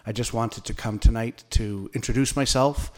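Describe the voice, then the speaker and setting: A man's voice: medium pitch, steady tone, normal speed, darkish tone. A middle-aged man from Nunavut, Canada, a senior police officer introducing himself formally at a council meeting.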